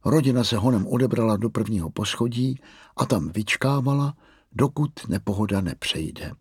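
Husky man reading a storybook. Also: on the low side, no echo, studio quality. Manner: expressive, lively storytelling. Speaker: narrator.

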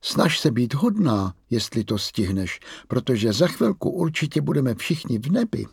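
A man's voice: mid-range voice, sing-song, creaky, slightly rough, no room sound, exaggerated voice. A man voicing a gloomy, matter-of-fact young girl creature in a storybook reading, giving dry warnings. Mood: ominous.

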